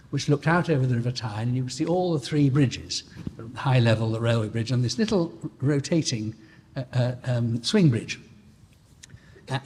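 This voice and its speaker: A man's voice: medium pitch, slight background noise. Hesitant man telling a story in a hall. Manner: hesitant, repeats words, warm reminiscing. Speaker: after-dinner speaker. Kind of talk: anecdotal speech. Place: large banquet hall. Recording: long hall reverb.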